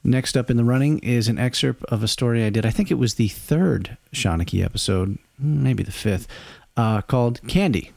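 Man, mid pitch, close dry sound, informal introductions to story excerpts. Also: moderate pace, creaky, a little mellow, no echo. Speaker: presenter of own writing.

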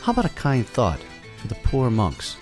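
A man hosting and narrating a scripted story in a wry, dramatic delivery with deliberate pauses. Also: mid-range voice, huge pitch swings. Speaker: host and storyteller. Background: music bed.

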